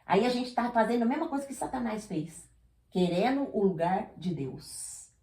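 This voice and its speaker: A woman preaches with emphasis, her voice sitting a little high. She keeps checking that her listeners follow and acts out small dialogues. The sound is roomy and echoey. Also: lively intonation, normal speed, mellow. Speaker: preacher leading a women's prayer group. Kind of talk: sermon. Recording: echoey room.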